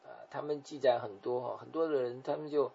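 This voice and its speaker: A male pastor delivers a sermon in a gravelly, husky voice, explaining scripture patiently with frequent softening tag particles. The recording sounds dull and lo-fi. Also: mid-range voice, steady tone, a little fast.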